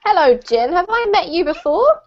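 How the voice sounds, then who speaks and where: A woman's voice: very high voice, sing-song, normal speed, highs cut off, faint music behind. A woman teaching a live online English class, chatty and speaking straight to her students over a video call.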